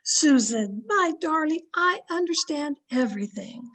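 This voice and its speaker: In an old-time radio play, a woman voices a cheerful older aunt with a high-pitched voice, a born meddler in young people's romances. She chatters knowingly and insists gently, her intonation lively and her pace a little slow, sounding knowing and insistent.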